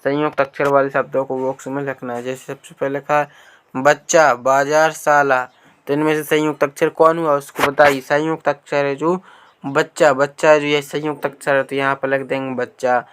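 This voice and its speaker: A man's voice: medium pitch, little pitch movement, moderate pace, a bit bright, a little hiss or hum. A male teacher walking through workbook exercises, patiently repeating answers and asking questions as he goes. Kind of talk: workbook lesson walkthrough.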